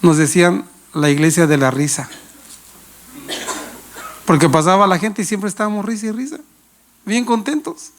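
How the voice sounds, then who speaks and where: A man's voice: high-pitched, normal speed, pauses often. A male pastor, preaching a sermon with playful anecdotes and questions to the congregation. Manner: playful, laughs while telling anecdotes.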